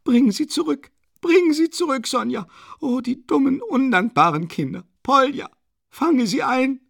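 A man doing a frantic, shrill mother. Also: animated, unhurried, vocal fry, dry recording, clean studio sound, exaggerated voice. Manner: shrill, breathless crying out. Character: frantic desperate mother, woman, middle-aged.

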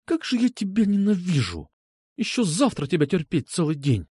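A furious young woman, put on by a male narrator, snaps and yells in a high, shrill voice. Her outbursts swing widely up and down, full of scorn. The sound is close and dry. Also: wildly swooping pitch, measured pace, no echo, heavily acted. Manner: shrill, exasperated shouting. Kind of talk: audiobook character voice.

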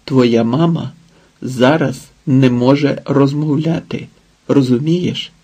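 A man voicing a gruff young man who speaks sternly and in short phrases. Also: mid-range voice, takes it slowly, mellow. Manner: stern, clipped.

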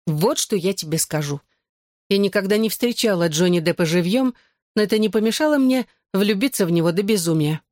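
A woman's voice: mid-range voice, brisk, a little mellow, no room sound, clean studio sound, natural voice. A woman voicing a playful, teasing teenage girl who coaxes her best friend in an audiobook. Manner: teasing, coaxing.

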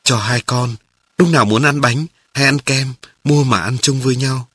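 A man voicing a gentle, sorrowful mother in a memoir reading, speaking softly and slowly. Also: medium pitch, steady tone, breathy edge, no room sound. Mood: tender.

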